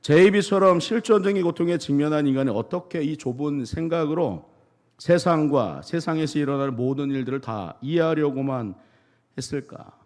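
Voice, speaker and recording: A man's voice: fairly high pitch, normal speed, a little mellow. A male pastor preaching a sermon and retelling a story in a dramatic, storytelling way.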